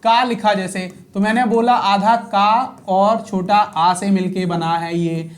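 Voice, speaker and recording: A man's voice: sits high, steady tone, slow. A man teaching a grammar lesson, often repeating key terms as questions to his students.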